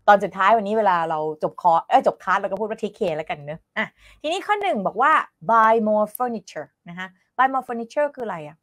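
Lively woman teaching English online. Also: mid-range voice, no echo. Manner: chatty, laughs often, coaxes students to answer. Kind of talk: live online English lesson.

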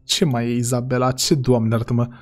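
A man's voice: medium pitch, level tone, faint music behind. A young man hosting a comic family role-play over a game, exasperated and often talking straight to his viewers. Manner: exasperated, keeps sighing to God and talking to viewers. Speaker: gaming channel host.

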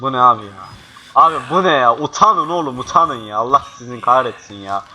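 A young man playing a horror game, swearing and jumpy, swinging from panicked yells to hushed mutters. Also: mid-range voice, fairly quick, a little hiss or hum. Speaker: gaming youtuber. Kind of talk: horror game let's play commentary.

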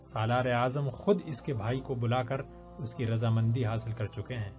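A man voicing an earnest young soldier who speaks gently and with care to his younger sister. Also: medium pitch, steady tone, soft background music, lightly acted. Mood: tender. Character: earnest young soldier, caring older brother.

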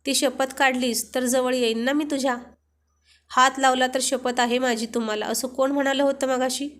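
A woman's voice: sits high, steady tone, normal speed, lightly acted. A woman voicing a teasing, playful young husband in a spoken story, keeping close to her own voice. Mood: curt. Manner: teasing, dry.

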